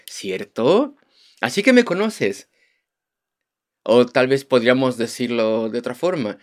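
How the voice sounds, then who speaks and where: A man preaching an expository sermon, teaching through a Bible passage, repeating key phrases for emphasis and putting rhetorical questions to the congregation. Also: mid-range voice. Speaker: pastor.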